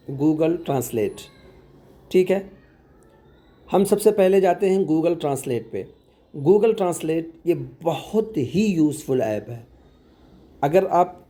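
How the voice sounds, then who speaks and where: A man's voice: on the high side, warm tone. A man working as an online tutor, patiently explaining a phone app step by step in a tutorial voice-over and repeating words as he goes.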